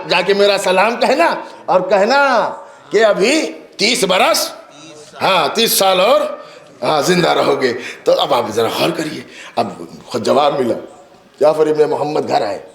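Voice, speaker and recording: A man preaching with an Indian Urdu accent, his voice rising high and ringing at the climaxes, then dropping to a soft, chatty tone as he speaks to the listeners. The hall around him is echoey and roomy. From Uttar Pradesh, India. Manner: swings between soaring shouted recitation and low conversational asides. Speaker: Shia cleric delivering a majlis. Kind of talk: sermon.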